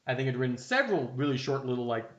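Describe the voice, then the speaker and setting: A man's voice: medium pitch, very animated, rapid-fire. A young man from Canada, co-hosting a casual podcast and rambling with many self-interruptions. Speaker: podcast co-host. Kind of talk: casual chat. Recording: dull, roomy home recording.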